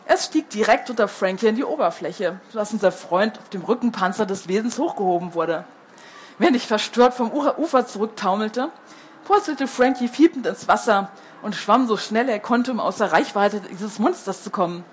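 A woman's voice: mid-range voice, normal speed, slight background noise. A woman reading a children's book aloud as the storyteller, who falls into hesitant fillers when she chats between passages.

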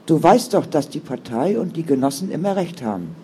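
Man doing a serious big sister, firm but caring, storybook voice, bit higher. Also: sing-song, a little fast, mellow, a little hiss or hum. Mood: stern. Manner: stern then soothing, earnest. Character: firm, caring older sister, loyal party member.

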